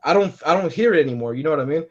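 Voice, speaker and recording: A man's voice: fairly high pitch, animated, very fast. A man on a casual podcast telling a long story. He swears constantly, laughs at his own tale and acts out both sides of the conversation. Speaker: podcast co-host. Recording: dull lo-fi podcast audio.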